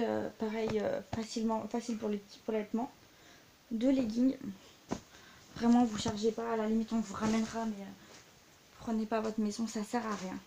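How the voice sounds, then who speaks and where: A woman's voice: a little high, vocal fry, warm tone, a little hiss or hum. A young adult woman chatting casually in a show-and-tell vlog, full of fillers and side remarks. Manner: chatty, many fillers and asides. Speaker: vlogger.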